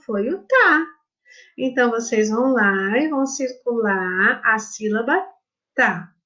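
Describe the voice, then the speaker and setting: A woman's voice: fairly high pitch, expressive, slow pace, bright, forceful tone. A woman primary school teacher giving a remote lesson to children, affectionate, drawing out words and spelling them letter by letter, with a Brazilian Portuguese accent. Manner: affectionate, addresses pupils as "my loves".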